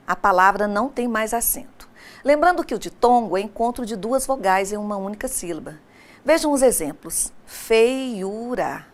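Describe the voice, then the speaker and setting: A woman teacher giving a recorded online grammar lesson, speaking straight to her students and slowing down to spell out example words. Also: a little high. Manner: didactic, addresses students directly.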